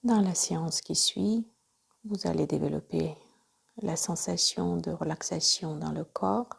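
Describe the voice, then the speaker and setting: A woman guides a yoga nidra relaxation as the instructor, her voice lowish with a creaky, breathy edge. She speaks softly and breathily, often close to a whisper, in short, calm, measured phrases.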